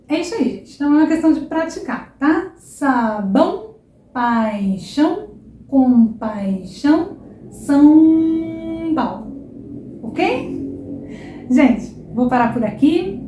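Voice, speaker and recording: A woman's voice: high-pitched, mellow, echoey room. A Brazilian woman teaching Portuguese pronunciation, stretching and exaggerating vowels to demonstrate them and checking in with the learner often. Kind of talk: language lesson to camera.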